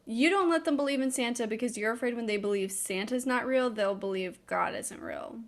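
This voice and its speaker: A woman's voice: on the high side, a little fast. A young woman from North Dakota co-hosting a podcast over a video call, reading listener messages and joking crudely with a lot of laughter. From North Dakota, United States. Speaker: podcast co-host.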